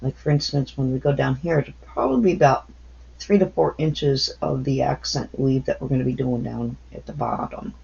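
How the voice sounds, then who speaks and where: Gravelly man narrating craft work. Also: mid-range voice, a little mellow. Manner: unhurried, thinking aloud while working. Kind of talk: casual craft follow-along narration. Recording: dull lo-fi home recording.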